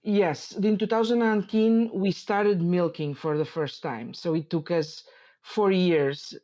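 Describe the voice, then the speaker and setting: A Portuguese sheep dairy farmer in her forties is interviewed as a guest, speaking with a Portuguese accent and hesitating often, full of fillers and restarts. Her voice is lowish and warm, with fairly even intonation and a slightly slow pace.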